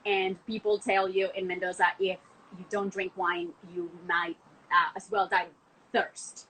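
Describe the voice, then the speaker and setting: Bright-voiced young woman, gushing and chatty. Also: mid-range voice, level tone, a little slow, a little hiss or hum, low-quality recording. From Argentina. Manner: enthusiastic, chatty, many "like" fillers. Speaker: wine export manager, guest. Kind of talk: casual podcast conversation. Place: home, from a window view of the city.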